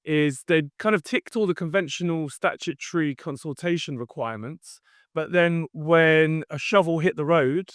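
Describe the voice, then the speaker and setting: His voice a little high, smooth and resonant, a man from London describes his career in conversational interview answers. He's a company founder guesting on a podcast, relaxed and explanatory, stopping on fillers while he thinks. The close, dry recording has no echo.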